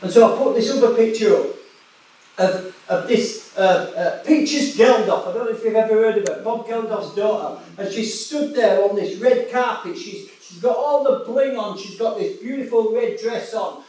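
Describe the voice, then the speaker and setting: An evangelist from West Yorkshire, England, with a Yorkshire accent, preaches a sermon in a conversational, storytelling way, often restarting and repeating his words. His high-pitched voice is warm and at normal speed, heard from far off in an echoey hall.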